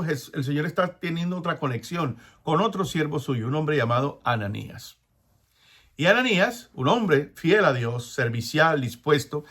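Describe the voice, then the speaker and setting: A man preaching a sermon, acting out biblical dialogue with soft, prayerful asides and breaking into laughs between phrases. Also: fairly high pitch.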